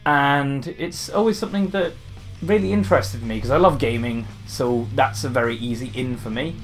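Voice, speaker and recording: A young Welshman with a light accent chats casually to camera as a gaming YouTuber answering questions, rambling with restarts and fillers. His voice is mid-range, his speed normal, and faint music plays behind him.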